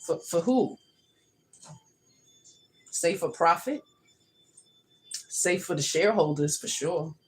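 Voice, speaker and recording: A woman's voice: on the low side, animated, takes it slowly, long pauses, low-quality recording. A woman from the United States hosting a casual livestream from her home kitchen, talking emphatically and repeating her points. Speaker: livestream host.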